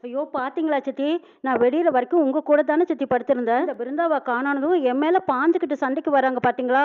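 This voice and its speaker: A scheming young wife whines and pleads, piling up complaints at a quick clip, as a woman narrator puts her on. Her high voice comes through a thin, phone-like line. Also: lightly acted. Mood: pleading. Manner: whining, self-pitying appeals.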